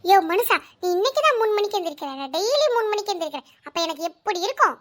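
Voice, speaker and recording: A woman's voice: extremely high pitch, big pitch swings, rapid-fire. A woman voicing a fiery, fed-up village wife and mother in a cartoon. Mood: scolding. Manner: scolding, quarrelsome.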